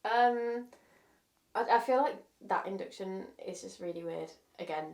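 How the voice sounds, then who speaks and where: Hesitant woman with a creaky voice. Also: medium pitch, darkish tone. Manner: hesitant, halting. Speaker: hypnosis subject. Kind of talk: casual chat.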